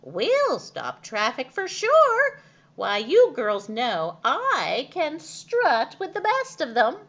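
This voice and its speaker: A woman's voice: high voice, huge pitch swings, takes it slowly, fairly bright tone, highs cut off, voice pushed up, exaggerated voice. A woman voicing vain, indignant farm hens from a children's storybook in a theatrical, exclamatory way. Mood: excited, preening. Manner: exclamatory, gushing, theatrical complaining. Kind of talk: children's storybook character reading.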